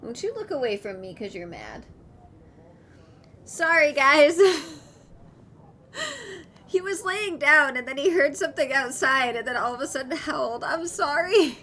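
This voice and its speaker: A woman's voice: sits high, animated, unhurried, long pauses, bright, forceful tone. A woman streaming a game, reacting casually in a gushing, easily moved way.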